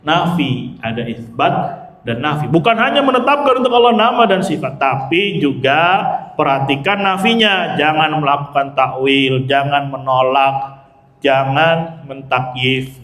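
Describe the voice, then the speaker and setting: A man's voice: medium pitch, fairly bright tone, reverberant. A man giving an Islamic study lecture. He asks his audience questions and answers them himself, with chatty, joking asides. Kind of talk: religious lecture.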